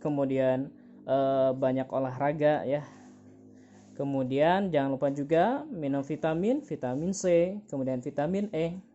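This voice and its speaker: A woman's voice: low voice, mellow, dull audio. A woman teacher giving an online chemistry lesson, patient and repeating key terms with many fillers.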